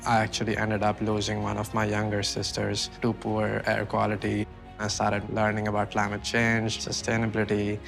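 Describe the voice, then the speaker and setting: Young man, from India, low flat voice, gravelly, earnest. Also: moderate pace. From Mumbai, India. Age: young adult. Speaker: student in a college video. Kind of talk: interview testimonial. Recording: faint music underneath.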